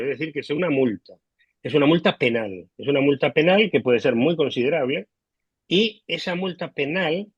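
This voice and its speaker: A man on a video call explaining tax law in a measured way, hesitating often with "eh", over low quality stream audio. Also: breathy edge, no room sound. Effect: low quality stream audio, connection dropping. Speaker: legal expert guest. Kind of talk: explaining law in a remote interview. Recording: dull lo-fi online call audio.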